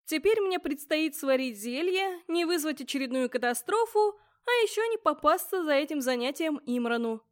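High-voiced woman reading an audiobook. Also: normal speed, few pauses. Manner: expressive, shifts voice for characters. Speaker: audiobook narrator. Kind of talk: first-person audiobook narration.

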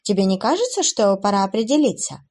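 A woman's voice: medium pitch, big pitch swings, quick pace, a little mellow. A woman voicing a cruel, playful female demoness who taunts her captive in a raised, sing-song voice for an audiobook. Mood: gloating.

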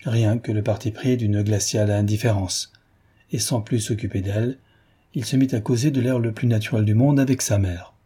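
A man reading a classic novel aloud as narrator, in measured, even storytelling. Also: on the low side, husky. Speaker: audiobook narrator.

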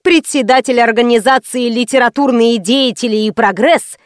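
A woman's voice: a little high, normal speed, no room sound, studio quality, lightly acted. A woman doing a haughty, stern lady writer. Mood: lofty. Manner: cold, curt, disdainful.

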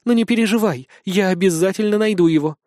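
A man voicing a fiery young woman with godlike powers in a storybook reading, with a sharp, heated delivery. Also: high voice, fast talker, no room sound, clean studio sound, pitched above the performer's own voice, natural voice. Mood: scornful.

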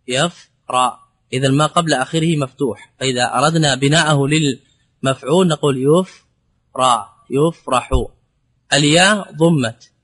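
Man teaching grammar, slightly higher voice. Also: a bit bright. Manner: explains step by step, repeats example words, asks rhetorical questions. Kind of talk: classical Arabic grammar lesson.

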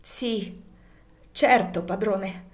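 A woman voicing a humble, gentle enslaved man who speaks softly and pleadingly but stays firm. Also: medium pitch, very slow. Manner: soft, pleading, quietly steady.

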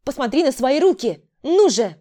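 A woman's voice: high-pitched, very animated, moderate pace, dark tone, pitched above the performer's own voice. Woman doing a stern, commanding older sister. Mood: accusing. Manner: commanding, interrogating.

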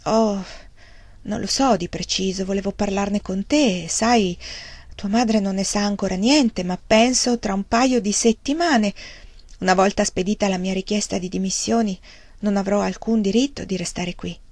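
A woman reads a grave, gentle clergyman father of middle age in a storybook reading. He speaks softly and with measured hesitation. The recording is close and dry. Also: medium pitch, no echo, close to an everyday voice. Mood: musing. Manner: soft, hesitant, measured delivery.

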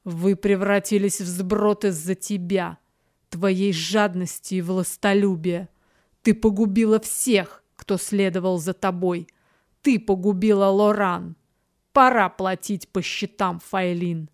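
A vengeful male mage lord who mocks his enemies and barks orders, as a woman reads him. His voice sits at an ordinary pitch for her, recorded dry and close like a storybook reading. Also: unhurried, clear, resonant tone, no room sound, lightly acted. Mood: coldly furious. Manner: sneering, commanding. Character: cruel male mage leader, mocking and vengeful.

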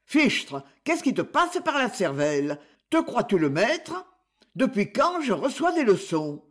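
A man's voice: very high voice, wildly swooping pitch, measured pace, voice pushed up, heavily acted. A man voicing a drunken, bullying old father who growls and scolds in a storybook reading. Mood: angry.

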